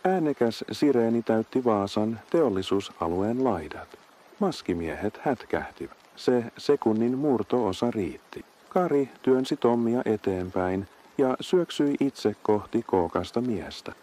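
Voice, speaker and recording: A man reading a horror story as scripted narration, with a steady, even delivery. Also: medium pitch.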